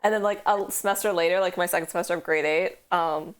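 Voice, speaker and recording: A young Canadian woman with a West Coast accent chats casually on a stream while wearing headphones as her microphone. Her voice is fairly low, smooth and quick, with fairly even intonation. She rambles through stories, using "like" constantly.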